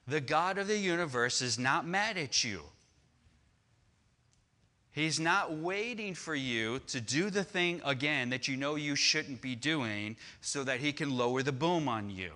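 Delivering a sermon slowly and deliberately, a pastor speaks in a bright, ringing, slightly high voice with an animated manner. He repeats key phrases for emphasis and builds into fervent, rising lists.

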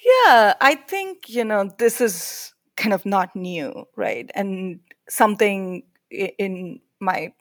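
A woman's voice: medium pitch, big pitch swings, slow, hardly any pauses, dry recording. A woman from India with a mixed New York and Indian accent, a podcast guest who talks candidly and wryly in casual conversation over a video call, laughing often. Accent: mix of New York and Indian. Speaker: guest, managing director.

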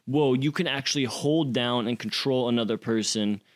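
A man's voice: mid-range voice, moderate pace. A young man casually telling a story as an interview guest, acting out quotes with slang and swearing.

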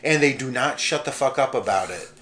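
A man's voice: mid-range voice, animated, brisk, fairly bright tone. A young man co-hosting a casual comedy podcast, rambling and joking, often swearing and mimicking people he tells about. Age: young adult. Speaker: podcast co-host.

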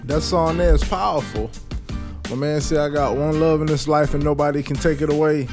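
A man hosting a podcast, talking in a casual, profane and animated monologue. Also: on the high side, a little fast, music in the background. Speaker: podcast host.

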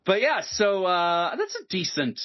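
A man hosting a podcast in casual chat, animated and hesitant with many fillers, laughing easily. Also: high voice, unhurried, no room sound. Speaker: podcast host. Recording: dull lo-fi sound, dry.

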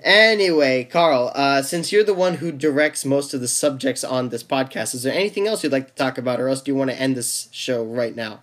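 A man's voice: mid-range voice, brisk, few pauses, a bit bright. Young male co-host, casual podcast chat, rambling delivery with many restarts. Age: young adult.

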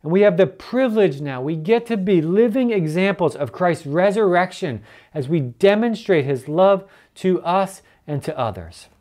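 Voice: mid-range voice, expressive, moderate pace, darkish tone. A church elder preaching earnestly and stressing key points by repeating them. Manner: earnest, emphatic repetition.

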